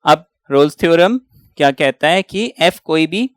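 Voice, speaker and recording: A man's voice: a little high, animated, no echo, studio quality. A man teaching a maths lesson step by step, asking questions and then answering them himself. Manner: slow, step-by-step, asks and answers his own questions. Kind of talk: explaining a lesson, mixing Hindi and English.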